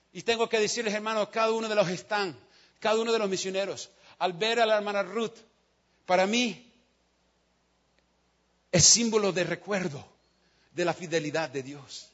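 Man preaching, high voice, swings from hushed to shouting, muffled lo-fi sound. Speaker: pastor. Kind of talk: sermon.

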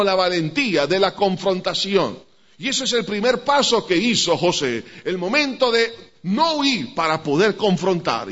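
A man's voice: sits high, a bit bright. A man preaching a sermon to a congregation, speaking emphatically and addressing listeners directly. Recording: dull lo-fi church recording.

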